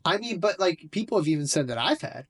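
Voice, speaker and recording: A man's voice: sits high, big pitch swings, quick pace, a bit bright, husky. A man in his twenties with a Philadelphia accent, chatting casually on a podcast in a profane, slangy storytelling way. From Philadelphia area, US. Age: 20s.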